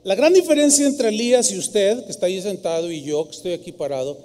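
A man with a Mexican accent preaching a sermon in an animated, humorous and scolding manner. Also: high-pitched, quick pace, long reverb tail. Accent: Mexican Spanish. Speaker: pastor. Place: church.

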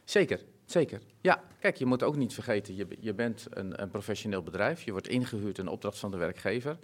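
Earnest, low-voiced Dutch-speaking man. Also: expressive, brisk. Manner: earnest, reflective, many fillers and restarts. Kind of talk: conversational interview.

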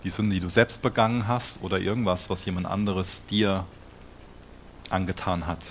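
A man's voice: deep voice, steady tone, moderate pace, a little hiss or hum. A man preaching a sermon in an earnest tone, often putting direct questions to his listeners.

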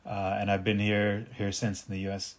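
The voice is fairly low with a completely flat delivery: a middle-aged martial arts and capoeira teacher from Detroit who spent part of his youth in North Africa and first spoke Arabic. He reflects unhurriedly in a casual interview, restarting often.

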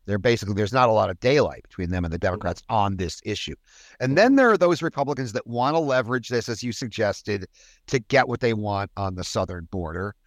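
A man's voice: fairly low pitch, expressive, a little fast, no echo, studio quality. A man hosting a policy discussion, talking conversationally with wry asides.

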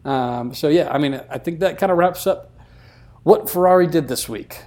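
Mellow-voiced man reading podcast news. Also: on the high side, normal speed. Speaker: podcast co-host. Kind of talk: casual podcast chat.

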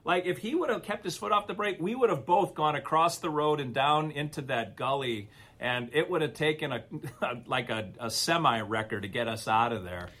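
A man co-hosting a podcast, telling a long story in a casual, animated, rambling way. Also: on the high side, normal speed. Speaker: podcast co-host.

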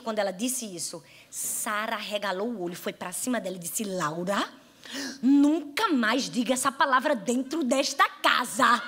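A woman in her thirties with a Northeastern Brazilian accent, preaching an animated sermon that speaks straight to her listeners, often breaking into laughter. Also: high-pitched. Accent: Northeastern Brazilian Portuguese.

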